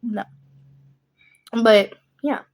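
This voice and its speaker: A woman's voice: fairly high pitch, very slow. A young adult woman vlogging in a casual, rambling chat, blunt and emphatic, often repeating herself.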